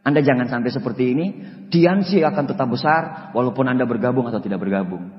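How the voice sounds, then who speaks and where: A man voicing a solemn male keynote speaker with a low, grave delivery. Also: lively intonation, fast talker, lightly acted. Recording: echoey hall, dull lo-fi sound.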